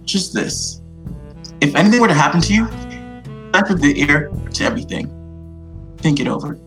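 A man's voice: fairly high pitch, animated, fairly quick, fairly bright tone, faint music behind. Suspicious, warning male attorney. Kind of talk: old radio drama acting.

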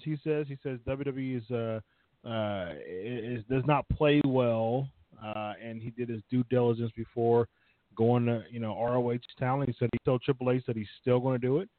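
A man's voice: mid-range voice, dry recording. Man talking over a thin phone line. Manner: rambling, heavy on "uh" and "you know". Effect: over the phone, line cutting in and out. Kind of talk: casual wrestling chat.

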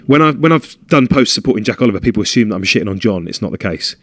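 A man's voice: lowish voice, animated, racing, a bit bright, no echo, studio quality. A man with a British accent co-hosting a podcast in casual chat, rambling and humming filler sounds. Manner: chatty, rambling, hums fillers. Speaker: podcast co-host. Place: home room.

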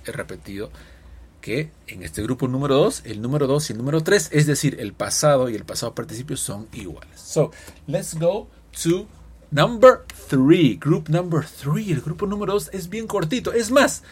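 A man's voice: a little high, expressive, moderate pace, slightly rough. A man teaching English irregular verbs in a recorded lesson, explaining in Spanish and drilling each verb form aloud in a sing-song way.

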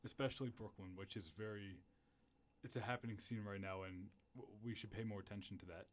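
A man's voice: fairly low pitch, steady tone, fairly quick. Laid-back man telling band stories. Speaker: band member. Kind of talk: casual band interview.

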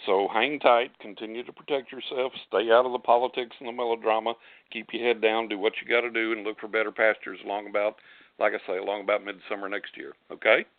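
A man's voice: fairly low pitch, flat delivery, fast. A man speaks with a West Texas twang and a distinctive drawl. He tells stories in a casual, folksy manner. The sound is narrow like a phone line, with very little room echo. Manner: folksy, chuckles while telling anecdotes. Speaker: psychic giving readings as guest on a call-in show. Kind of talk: casual talk and storytelling.

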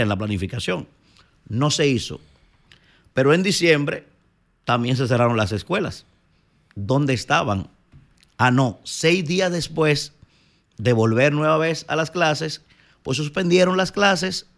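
A man with a Dominican Spanish accent, speaking as a radio commentator in the middle of his range. His delivery is indignant and emphatic, and he scolds as he drives his points home. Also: mid-range voice. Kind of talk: opinion commentary.

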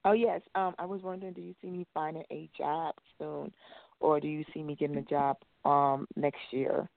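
Gravelly-voiced radio show caller on a phone line. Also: medium pitch, level tone, no echo. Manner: hesitant, halting questions with ums. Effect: caller heard over a phone line. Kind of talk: call-in question to a psychic show. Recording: tinny dry phone line.

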